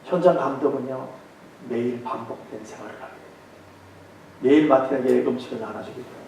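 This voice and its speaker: A man's voice: mid-range voice, fairly quick, slight background noise. A male pastor preaching emphatically and telling a story in a church sanctuary, recorded from a distance in a very echoey room. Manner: emphatic preaching, some passages told in a softer tone. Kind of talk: sermon with storytelling. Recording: echoey hall, far from mic.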